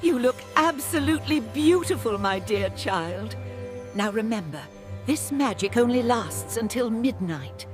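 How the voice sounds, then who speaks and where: Woman voicing a fairy godmother, older, kindly, cooing, high, slow, music behind. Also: expressive. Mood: gentle. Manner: warm, cooing, theatrical. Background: orchestral music.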